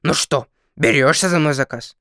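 A man voicing a sly, good-humored male dragon in a storybook reading, talking in a mocking, lively way. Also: on the high side, moderate pace, creaky, no echo, clean studio sound.

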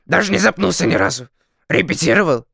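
A sly, amused male dragon from a storybook, as a man puts him on, mocking the people he talks to in a lively, teasing way. The voice sits fairly high and has a gravelly edge. It sounds dry and close, with no room around it. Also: fairly quick, dry recording, full character voice. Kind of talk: storybook reading.

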